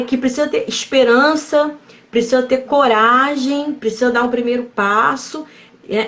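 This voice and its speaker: A woman psychologist explaining calmly in a live-stream conversation, measured and often checking in with tag questions. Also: sits high. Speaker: psychologist guest.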